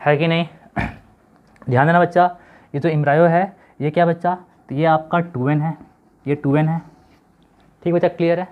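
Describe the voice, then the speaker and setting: Male biology teacher, drawn-out repeated terms, slow delivery, tinny phone-like sound. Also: fairly high pitch. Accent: Hindi-English code-switching. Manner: drills terms slowly, repeats question and answer. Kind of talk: classroom lecture.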